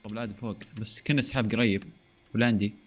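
Fast-talking man calling out plays. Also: on the low side, steady tone. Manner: short quick callouts. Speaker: co-player. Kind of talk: casual gaming chat.

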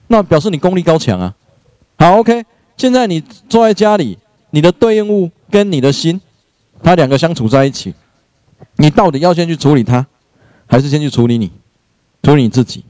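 A man giving an animated spiritual lecture, acting out scenes and laughing often. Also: on the high side, no room sound. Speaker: lecturer, doctor. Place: lecture room.

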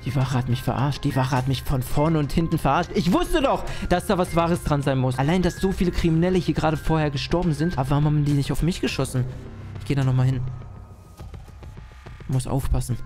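A man's voice: on the high side, animated, brisk, a little mellow, faint music behind. A man in a game roleplay, talking in a cocky, theatrical, mock-serious way. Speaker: roleplay player and video creator.

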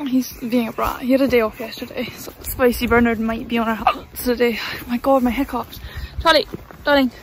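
A woman's voice: a little high, rough recording. Chatty woman vlogging at a stable. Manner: chatty, apologetic, talking to camera. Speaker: horse-riding vlogger. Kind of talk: casual vlog chat. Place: stable yard and outdoor riding arena. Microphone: camera on a tripod, sometimes far off. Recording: clear background music over the voice.

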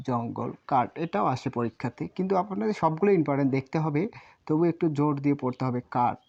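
Man slowly teaching kanji, dull lo-fi sound. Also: on the high side, vocal fry, a little mellow. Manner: repeats words slowly, spells out syllables, often says sorry. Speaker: Japanese teacher. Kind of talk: kanji lesson while writing on a board.

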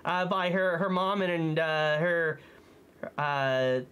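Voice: mid-range voice, a bit bright, clean tone. Reviewer talking through a costume head, lots of uhs and restarts, chatty. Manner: halting, with many fillers and restarts. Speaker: movie review co-host. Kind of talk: casual movie review chat.

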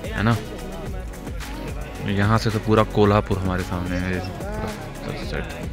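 A man's voice: fairly low pitch, a little slow. Young male travel vlogger, upbeat and talky, outdoor walk-and-talk, background music. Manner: chatty, enthusiastic, asks a local questions. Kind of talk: casual on-camera tour commentary. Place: outdoors at a hill fort.

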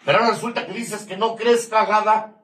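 Speaking to a support group, this older Mexican-accented man sounds high-pitched and a bit bright, with little pitch movement and a fairly quick pace. His testimony is crude and confrontational: he mocks, swears nonstop and laughs at his own jabs. The echoey room is picked up by a distant mic, with faint noise.

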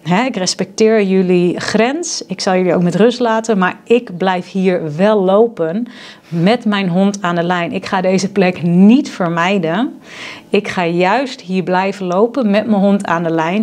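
A woman's voice: medium pitch, a little mellow. Earnest woman giving spiritual advice. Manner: earnest, acts out quoted dialogue. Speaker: spiritual coach. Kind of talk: casual monologue. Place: home on a mountain.

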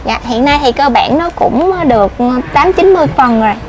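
A woman's voice: high-pitched, expressive, a little fast, low-quality recording. Polite woman tour guide outdoors. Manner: formal and polite, starts lines with "dạ". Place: outdoors at a heritage site.

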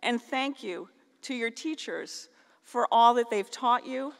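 Middle-aged american woman at a podium, formal graduation speech, slightly high voice, long hall echo. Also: animated, slow, noisy background. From northeastern Ohio, US. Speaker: keynote speaker at a graduation. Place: large auditorium stage. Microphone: podium microphone on a stand.

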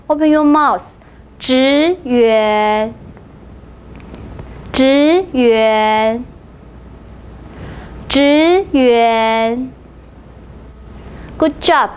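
A Taiwanese woman with a high, light voice leads a Mandarin lesson. She speaks very slowly and deliberately, spacing every word apart and coaxing learners to repeat after her. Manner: slow, encouraging drill repetition. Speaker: Mandarin teacher. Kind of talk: online language lesson.

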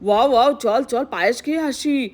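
A woman voicing excited young boys in a doll story. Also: a little high, normal speed, lightly acted. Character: boy children, excited and eager.

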